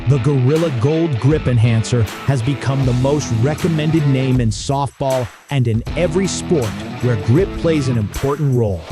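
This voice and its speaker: A man reading a scripted product advertisement in a polished announcer style. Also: medium pitch. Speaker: advertisement voice-over. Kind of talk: scripted ad narration.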